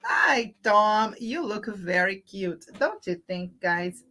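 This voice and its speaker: Speaking slowly and animatedly in a medium-pitched voice with a sharp tone, a woman hosts a storytime livestream for young children. She uses simple, teacherly phrases and mixes in Spanish words.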